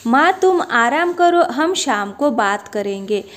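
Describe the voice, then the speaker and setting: A woman voicing a worried grown son who speaks calmly to his mother in a spoken story. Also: fairly high pitch, slow pace. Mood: concerned.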